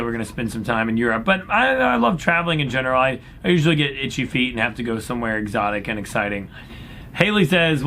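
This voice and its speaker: Man, upbeat cruise director, bright forward voice, folksy casual Q&A chat, laid-back, rumbling noise behind. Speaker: cruise director answering viewer questions. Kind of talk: casual question-and-answer chat. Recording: clear background noise with low rumble.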